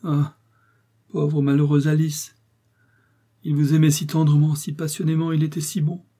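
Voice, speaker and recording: A man's voice: mid-range voice, moderate pace, dark tone, slightly rough, natural voice. A man voicing a nervous aging woman servant who trembles and sobs as she pleads. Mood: distraught. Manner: trembling, sobbing pleas.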